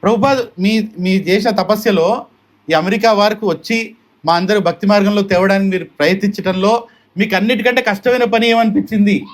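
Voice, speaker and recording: A man's voice: sits high, a little fast. A man giving a devotional sermon at a home gathering, emphatic and full of rhetorical questions, slipping into English now and then. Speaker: devotional speaker. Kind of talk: sermon-style storytelling.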